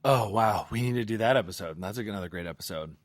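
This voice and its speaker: A man's voice: on the low side, fast. A man in his forties co-hosting a podcast, chatting casually, laughing often and swearing playfully. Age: 40s. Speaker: podcast co-host. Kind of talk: casual chat.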